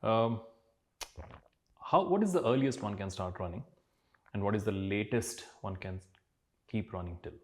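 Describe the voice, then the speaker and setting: Male host, low-pitched, soft and measured. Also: expressive. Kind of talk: interview questions.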